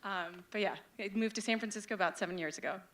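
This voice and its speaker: A woman in her thirties from Pakistan, raised in the American South with a light Southern accent, introducing herself as a panelist in a relaxed way with many fillers. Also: medium pitch, fast talker. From Pakistan, raised in Atlanta, Georgia. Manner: relaxed, filler-heavy conversational delivery. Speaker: health innovation director, panelist.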